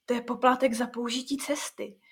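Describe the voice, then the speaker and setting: A woman's voice: on the high side, level tone, slightly rough. A woman voicing a protective, stubborn grandmother in a storybook reading, firm and plain-spoken.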